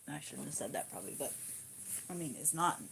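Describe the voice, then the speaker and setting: Gravelly, rambling woman livestreamer. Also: deep voice, animated, fairly quick, a bit bright, a little hiss or hum. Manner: rambling and profane, talking to viewers and reading their comments. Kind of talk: casual livestream chat.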